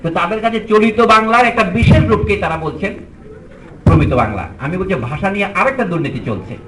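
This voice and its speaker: A man's voice: high-pitched, expressive, a little fast, fairly bright tone, far from the mic, a little hiss or hum, low-quality recording. A man from Bangladesh, a teacher giving a formal public lecture, arguing his case with pointed rhetorical questions.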